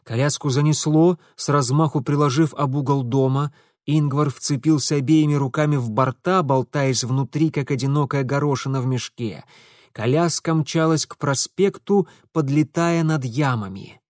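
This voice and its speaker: A man reading an adventure story aloud as an audiobook narrator, with an expressive delivery. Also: a little high, moderate pace, no echo, clean studio sound.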